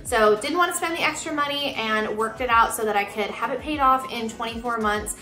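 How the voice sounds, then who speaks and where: Female home vlogger, 30s, conversational explainer with a bright tone, roomy indoor sound and light music underneath. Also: a little high, a little fast. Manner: chatty, explanatory. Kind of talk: casual explanatory vlog to camera. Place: living room indoors. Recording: roomy living-room echo, music underneath.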